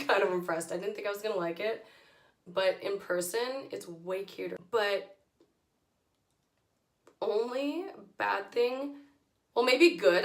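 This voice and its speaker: A hoarse woman with her voice nearly gone, giving a chatty, informal product review as a beauty vlogger. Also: mid-range voice. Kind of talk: casual product review to camera. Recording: echoey room.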